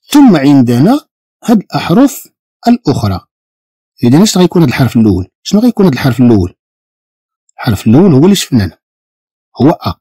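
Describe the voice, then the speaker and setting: A man's voice: mid-range voice, very animated, racing, pauses often, mellow, husky, dry recording. A man with a Moroccan Arabic accent teaching a beginner language lesson, patiently repeating each sound and spelling letters out.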